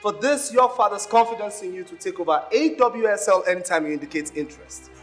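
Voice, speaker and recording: A man's voice: sits high, fast, faint music behind, close to an everyday voice. A male actor with a Nigerian accent playing a stern, pointed barrister in formal courtroom film drama.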